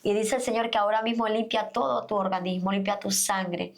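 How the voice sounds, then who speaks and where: In a podcast guest spot, a middle-aged woman pastor earnestly recounts her personal faith testimony, acting out the dialogue along the way. Her mid-range voice is steady and creaky, moving a little fast.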